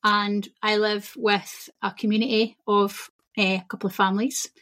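A woman's voice: medium pitch, flat delivery, normal speed, a bit bright. A Scottish woman, a shamanism teacher, talking casually as a podcast guest, chatty and laughing easily. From Scotland. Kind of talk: casual interview chat.

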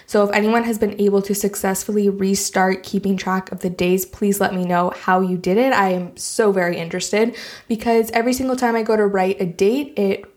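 A woman's voice: mid-range voice, fairly even intonation, fairly quick, a little mellow. A woman with a Canadian accent hosting a solo podcast in a casual, chatty, enthusiastic and informal way. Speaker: podcast host.

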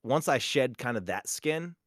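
A man guesting on a casual podcast, stumbling and restarting as he talks. His pitch sits in a middle range, and he leaps up high and loud when acting out scenes. The sound is dry and close. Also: expressive, no echo. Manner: self-described awkward, halting with many restarts.

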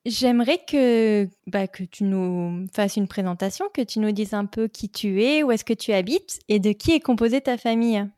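A woman's voice: mid-range voice, normal speed, few pauses, dark tone. A woman hosting a podcast, introducing her guest and asking friendly questions. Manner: friendly questions, short backchannels. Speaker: podcast host. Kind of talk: podcast interview.

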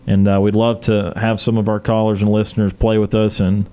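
A man hosting a sports radio show and wrapping up the episode, talking in a relaxed way with filler words. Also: on the low side, fairly quick, clear, resonant tone.

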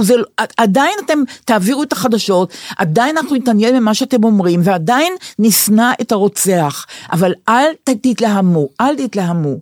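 A woman's voice: on the high side, a little mellow, no echo, studio quality. A woman co-hosting a podcast in casual chat, talking emphatically and given to indignant rants. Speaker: podcast co-host.

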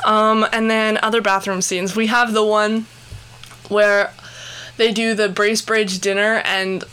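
A young adult woman co-hosting a casual chat show, talking freely with lots of "like" and quick impressions of people. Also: medium pitch, little pitch movement, pushed and bright, smooth. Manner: chatty, full of "like" and bits of mimicry. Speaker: podcast co-host. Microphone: headphones, on camera.

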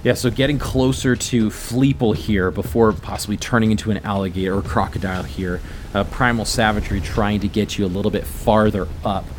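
A man acting as game master, narrating and refereeing a tabletop game in a halting way. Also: lowish voice, steady tone, a little hiss or hum.

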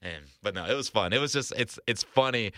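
Young man with a bright, dry voice. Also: on the low side, expressive, a little fast, no room sound. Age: 20s. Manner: rambling storyteller with many restarts and laughs. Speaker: in-arena host and announcer. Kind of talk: casual podcast chat.

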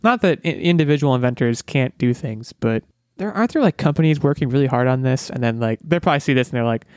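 A man talking casually as a podcast co-host, animated and musing aloud with rhetorical questions. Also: mid-range voice, fast talker, no echo, clean studio sound. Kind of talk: casual chat.

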